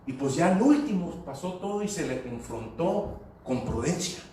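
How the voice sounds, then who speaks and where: A man's voice: on the high side, expressive, normal speed, dark tone, a little hiss or hum. A man preaching a sermon, telling stories and slipping into English phrases. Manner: storytelling, switching into English phrases. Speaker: pastor. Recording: echoey hall, voice from far off.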